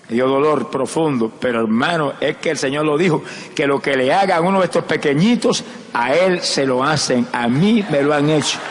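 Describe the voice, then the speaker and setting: A man with a Puerto Rican Spanish accent preaching an evangelistic sermon with fervor, moving from hushed sorrow to rising exclamations. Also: fairly high pitch, long reverb tail, a little hiss or hum.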